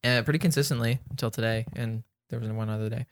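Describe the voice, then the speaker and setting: A man hosting a casual podcast, rambling with plenty of fillers and little jokes. His voice sits at a middling pitch. The sound is dry and close, with no room around it. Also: fairly even intonation, quick pace, dry recording. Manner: rambling, lots of "like" fillers, jokey. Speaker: podcast host. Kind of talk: casual chat.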